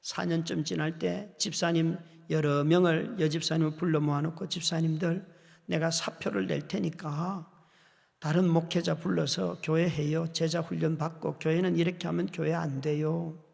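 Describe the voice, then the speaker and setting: A middle-aged man preaching a sermon as pastor, telling a story with feeling, dropping to hushed whispers and rising to loud exhortation. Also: on the high side, steady tone, moderate pace, gravelly. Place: church sanctuary. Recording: long hall reverb in a church.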